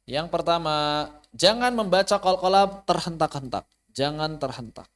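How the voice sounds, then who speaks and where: A man teaching a recorded online tajwid class, explaining rules casually and repeating key points for emphasis, then chanting example verses slowly and melodically. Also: fairly high pitch, fairly bright tone.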